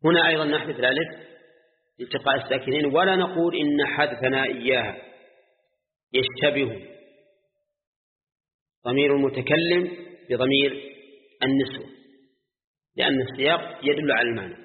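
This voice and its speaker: A man's voice: mid-range voice, fairly quick, long pauses. An older man gives a Quran exegesis lesson in a classroom. He explains step by step, checks on his students and chants the verses. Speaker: Quran teacher. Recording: tinny lo-fi recording in an echoey hall.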